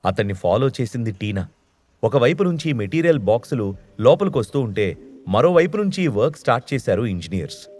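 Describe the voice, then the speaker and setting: A man narrating a scripted audio story in an expressive way. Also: medium pitch, a little fast, faint music behind.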